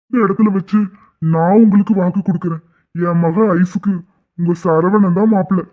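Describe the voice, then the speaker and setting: A man's voice: high-pitched, fairly even intonation, moderate pace. A man voicing a humble, grateful middle-aged father who drives an auto-rickshaw in a cartoon, speaking emotionally. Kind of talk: cartoon voice acting. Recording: tinny phone-like audio.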